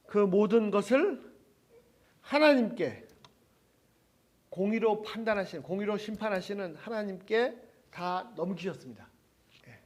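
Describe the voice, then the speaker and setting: A man preaching a sermon as pastor, lively, with laughing asides and acted quotes. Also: high voice.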